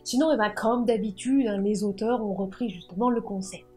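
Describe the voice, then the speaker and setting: A woman hosting a writing and book channel, talking in a lively, chatty way and often joking about herself. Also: medium pitch, fairly quick, faint music behind. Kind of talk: casual chatty video talk.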